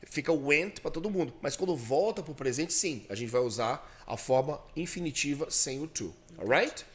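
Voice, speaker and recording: A man's voice: fairly high pitch, expressive, normal speed. A man with a Brazilian Portuguese accent hosting a podcast and teaching English grammar, patiently explaining and drilling repetitions. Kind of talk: bilingual English lesson.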